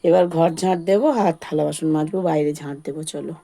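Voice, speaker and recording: A woman's voice: low voice, fast, vocal fry, rough recording. A woman, chatting to viewers as friends while doing chores and cooking at her rural home, filmed on a phone. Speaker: vlogger. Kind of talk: casual daily-life vlog narration. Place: rural home, kitchen and yard. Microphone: phone camera. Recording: loud household noise behind voice.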